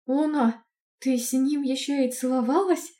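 A woman reading an audiobook, voicing a chatty, cheeky young cat-shifter girl who gushes fast and excitedly. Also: high-pitched, voice pushed up. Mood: gushing.

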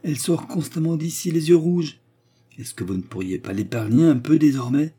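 A man voicing a gentle, earnest young woman who speaks softly and pleadingly. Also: fairly high pitch, animated, normal speed, husky, pitched above the performer's own voice.

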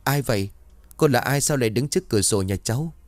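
A man's voice: medium pitch, animated, fast talker, no echo, voice pushed up, lightly acted. A man voicing a scared, feverish little boy who whimpers and pleads. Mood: frightened.

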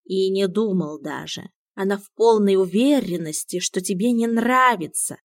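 Brief: a mocking talking tomcat read by a woman, slow lofty drawl, dry audiobook sound. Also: medium pitch, a bit bright, dry recording, lightly acted. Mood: haughty. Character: talking male cat, sardonic and dignified.

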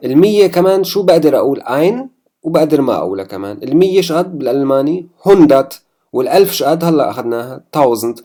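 A man with a Levantine Arabic accent teaching a language lesson, patiently spelling out numbers slowly, piece by piece. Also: fairly high pitch, animated, dark tone. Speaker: German teacher.

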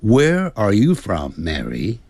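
A man reading a textbook dialogue role, a man, in slow, careful example sentences. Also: low voice, animated, a little mellow, breathy edge, no room sound, exaggerated voice. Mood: plain.

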